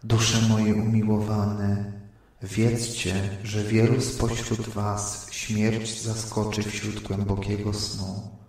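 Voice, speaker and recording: Grave divine voice, tender and admonishing, played by a man, slow, in a very echoey room. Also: on the low side, level tone. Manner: gentle, admonishing. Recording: heavy room reverb.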